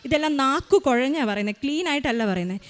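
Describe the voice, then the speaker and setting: A woman's voice: high-pitched, animated, fast talker. A mother giving an emotional personal faith testimony, retelling events tensely with many restarts.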